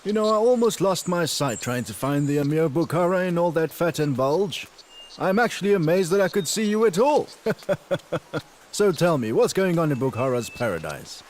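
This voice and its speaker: Sly sarcastic court spy, higher voice that bounces around. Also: male voice, big pitch swings, normal speed, darkish tone, a little hiss or hum. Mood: mocking. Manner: mocking, sarcastic. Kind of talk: English dub of a historical drama.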